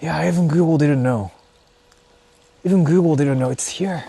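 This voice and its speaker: Here the Japanese streamer exploring the countryside sounds a little high-pitched, creaky, mellow, and husky, talking at normal speed. He thinks out loud in a casual way, repeating phrases, exclaiming, and swearing lightly; Japanese is his native language. Traffic sounds run through the noisy outdoor recording.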